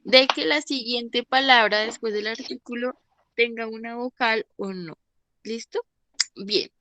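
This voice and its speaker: Slow, patient woman teacher on a call. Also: fairly high pitch, pushed and bright, no echo. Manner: patient, checks understanding with frequent "¿listo?". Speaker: English teacher. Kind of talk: online class explanation.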